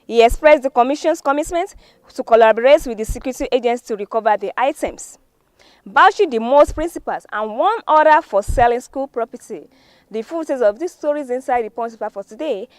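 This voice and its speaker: In a studio, a woman with a Nigerian accent presents a newspaper review, reading the stories formally from a script and stumbling occasionally. Her voice is on the high side, with lively intonation, a brisk pace and a dry recording.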